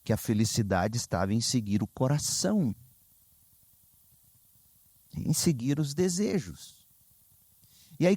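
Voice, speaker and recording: A Brazilian man preaching a sermon as pastor, telling stories with lively, sudden high exclamations. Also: no room sound. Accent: Brazilian Portuguese. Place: church sanctuary.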